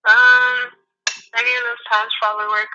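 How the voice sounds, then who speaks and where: A woman on the phone in casual chat, asking short probing questions and giving quick advice. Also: fairly high pitch, flat delivery, pushed and bright, faint music behind. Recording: dull phone-line sound.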